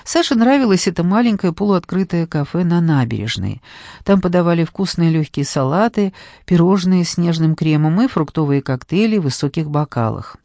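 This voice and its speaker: In a voice on the low side, a woman narrates a chapter of a novel as a scripted audiobook, keeping her storytelling steady and measured. The studio-quality audio has no room sound at all.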